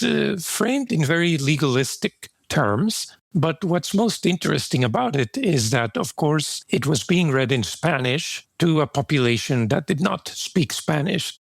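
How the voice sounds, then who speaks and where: Male interview guest from Mexico, reflective and unhurried, gravelly texture, dry close mic. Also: on the high side, no room sound. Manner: reflective, with fillers and restarts. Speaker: guest author. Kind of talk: thoughtful interview answers.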